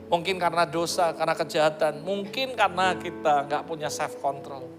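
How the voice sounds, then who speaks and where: Lively preaching man over music. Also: a little high, moderate pace. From Indonesia. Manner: lively preaching, often calls out to the congregation. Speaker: pastor. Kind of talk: sermon. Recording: sermon with music playing behind.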